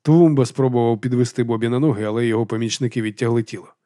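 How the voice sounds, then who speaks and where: Man, audiobook narration, steady delivery, middle pitch, dry close mic. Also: very fast, no echo. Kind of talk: audiobook reading of a novel.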